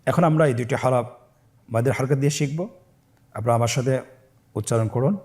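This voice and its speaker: A man teaching Quran reading, spelling out letters and syllables slowly for listeners to repeat after him, stretching each joined word. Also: mid-range voice, a little mellow. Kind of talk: slow recitation lesson with call-and-repeat drills.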